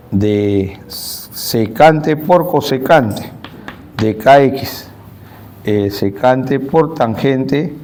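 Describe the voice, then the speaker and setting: Male lecturer, Peruvian Spanish accent, slow deliberate dictation, dark tone. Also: mid-range voice, slight background noise. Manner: slow, deliberate dictation of formulas, frequent tag questions. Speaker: university math lecturer. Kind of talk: classroom lecture.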